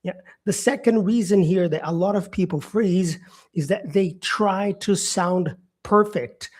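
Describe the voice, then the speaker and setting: A man from Brazil teaching English in a live stream, speaking slowly with many "yeah" and "um" fillers, repeating and rephrasing his points. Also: sits high. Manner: repeats himself, answers viewer comments, frequent "yeah" and "um".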